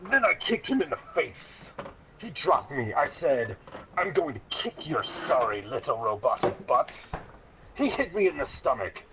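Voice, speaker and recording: The story reader's voice sits on the high side, sing-song and unhurried, as he gives his childhood tale a dramatic, mock-serious treatment that often teeters on laughter. The recording is dull and lo-fi with clearly audible background noise.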